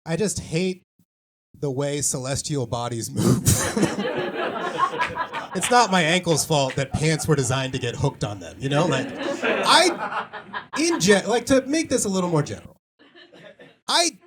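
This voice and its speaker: A man doing a stand-up comedy set, rambling and exasperated, breaking into loud rants, with an audience laughing throughout. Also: on the high side, animated, a little slow, pauses often. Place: small comedy venue with live audience. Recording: live club recording with loud crowd.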